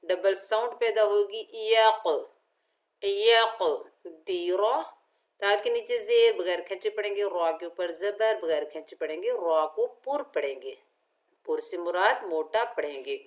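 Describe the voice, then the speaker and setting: A woman with a lowish voice, speaking at a normal speed, gives a tajweed lesson. She teaches Quran recitation by spelling out each letter and patiently repeating syllables for the learner.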